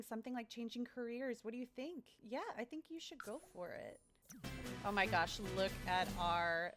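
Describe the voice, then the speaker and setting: A young woman casually narrating her gameplay, bubbly, chatty and easily delighted. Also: medium pitch. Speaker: let's play host.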